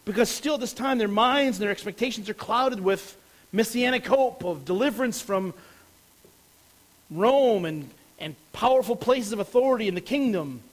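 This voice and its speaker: High-voiced man preaching a sermon. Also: expressive, normal speed, poor audio. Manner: earnest, explanatory, emphatic at key words. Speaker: pastor.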